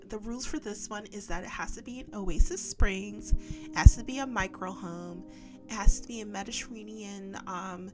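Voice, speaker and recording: A woman with a stuffy nose from a cold, chatting casually as a game building creator, rambling with lots of fillers and little giggles. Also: medium pitch. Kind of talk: casual voice-over commentary.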